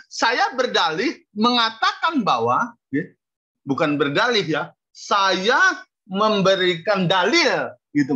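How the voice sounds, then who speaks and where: A woman's voice: fairly low pitch, a bit bright, husky. A woman law lecturer giving a university lecture, explaining through everyday example cases and checking in with her class after nearly every point. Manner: peppers points with "gitu" and "oke?" checks. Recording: dull lo-fi recording.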